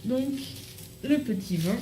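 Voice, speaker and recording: A young woman with a fairly high voice chats casually to camera as she unboxes a package at home. She's bubbly and loose, trailing off into fillers. The room sounds echoey, with a faint hiss underneath. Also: expressive, slow pace. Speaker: vlogger unboxing a swap package.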